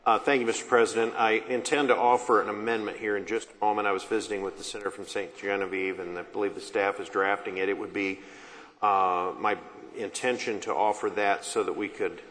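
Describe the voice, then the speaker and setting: A man, a state senator, speaking on a bill haltingly with many fillers. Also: on the low side, steady tone, fairly bright tone. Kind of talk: floor speech. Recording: reverberant chamber with faint room noise.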